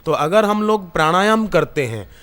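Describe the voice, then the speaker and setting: A male preacher with a fairly high voice delivers a devotional discourse to a gathered audience. He tells scripture stories and weaves in quoted verses. His voice climbs higher and louder when he stresses a point. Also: lively intonation, moderate pace. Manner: storytelling with scriptural quotes, rising emphatic delivery. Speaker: spiritual preacher. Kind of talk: Hindi satsang discourse. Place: discourse hall before an audience.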